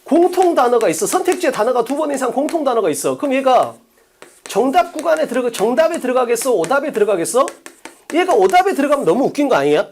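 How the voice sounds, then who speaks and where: A man's voice: very high-pitched, big pitch swings, fast talker, a little mellow. A middle-aged man teaching English test strategy to students, lecturing with lots of rhetorical questions.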